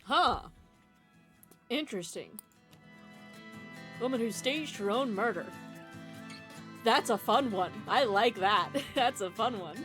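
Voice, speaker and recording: A woman streams a game and talks casually as she plays. Her pitch moves around in a lively way, and music plays quietly behind her. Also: slow pace, long pauses. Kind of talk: casual chat while playing a game.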